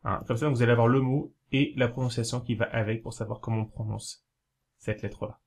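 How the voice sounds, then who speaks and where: A man's voice: medium pitch, steady tone. Rambling French man, chatty and hesitant. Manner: rambling, hesitant, many fillers and self-corrections; explains slowly, spelling things out while writing. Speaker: video host giving learning tips. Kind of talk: casual talk to camera.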